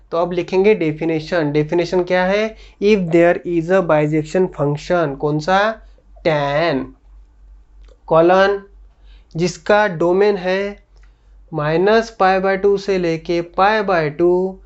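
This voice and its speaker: A man's voice: sits high, a little mellow. Man teaching maths on a dull recording. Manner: keeps checking understanding with quick questions; repeats phrases while drawing on a board. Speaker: maths tutor. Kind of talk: classroom maths lecture.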